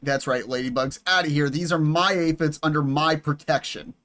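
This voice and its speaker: Young man, gameplay commentary, fairly high voice, excitable, swears a lot. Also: moderate pace. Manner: excitable, swears, talks to viewers and chat. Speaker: gaming YouTuber.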